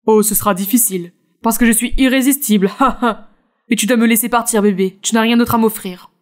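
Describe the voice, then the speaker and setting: A woman voicing a smug, arrogant young man who cheats on his girlfriend, in an animated story dub, with a mocking, condescending manner. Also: on the high side, a little fast, natural voice. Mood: cocky.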